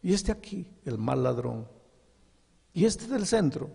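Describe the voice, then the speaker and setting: A man as a mother gently teaching a child. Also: on the high side, sing-song, unhurried, vocal fry, husky, pitched above the performer's own voice, full character voice. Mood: gentle. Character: mother patiently explaining to small child. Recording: long echo of a large hall.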